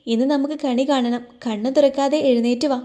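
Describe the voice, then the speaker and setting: A woman's voice: sits high, steady tone, a little fast, warm tone, lightly acted. A woman reading an audio love story, voicing a cheerful young wife who insists her husband get up. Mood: insistent. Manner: insistent, teasing.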